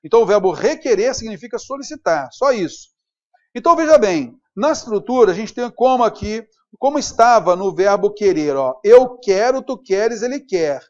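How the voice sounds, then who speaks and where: A man's voice: sits high, lively intonation, normal speed. A man with a Brazilian Portuguese accent teaching a grammar lesson at a whiteboard, upbeat and checking in with his students. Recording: dull lo-fi recording.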